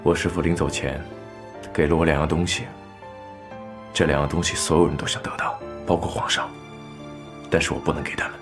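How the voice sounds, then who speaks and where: A young actor playing a calm, reserved young nobleman who speaks in a steady, measured way in a period TV drama. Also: rumbling low, over music. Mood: subdued. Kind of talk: dubbed TV drama dialogue.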